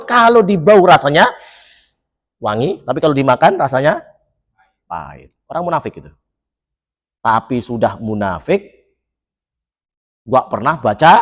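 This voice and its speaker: A man delivers a mosque sermon in a fairly high voice. He keeps it lively, jokes and keeps questioning the congregation. He recites Arabic lines, then explains them in plain words. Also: measured pace, pauses often. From Solo, Central Java. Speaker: preacher.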